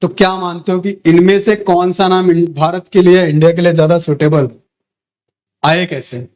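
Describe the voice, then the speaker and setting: A young male teacher with a high voice, lecturing a class. He keeps asking questions and answering them himself, checking in often to make sure his students follow. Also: fairly even intonation, moderate pace, a little mellow.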